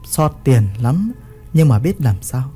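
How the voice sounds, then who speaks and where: A man reading a story in a measured, dramatic storytelling manner. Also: medium pitch, animated, dark tone, husky. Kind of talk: scripted story narration. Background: faint music.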